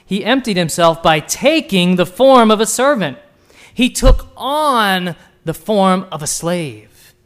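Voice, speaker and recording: A man preaching a sermon, asking the listeners direct questions and swinging between hushed and emphatic delivery. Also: high-pitched, lively intonation, slow pace.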